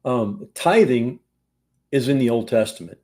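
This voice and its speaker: A man teaches a Bible study from a room in his house and speaks to his class over a video call. His voice is mellow and warm, at a middle pitch. He talks casually and often restarts his sentences. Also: lively intonation, measured pace. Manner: conversational, with restarts and asides.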